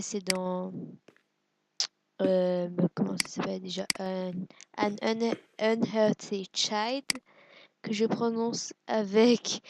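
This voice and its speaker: A woman's voice: medium pitch, creaky, background noise. A woman giving casual gameplay commentary, hesitant and self-deprecating, musing aloud with lots of fillers. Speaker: let's play gamer.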